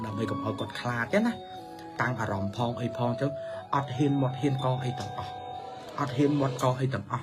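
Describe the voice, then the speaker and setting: Man telling a children's story over music. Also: mid-range voice.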